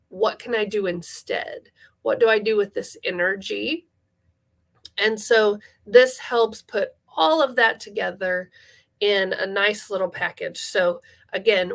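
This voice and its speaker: Middle-aged woman, play therapist, calm teaching tone, repeats key points, gravelly edge to her voice. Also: medium pitch. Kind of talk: instructive parenting talk to camera.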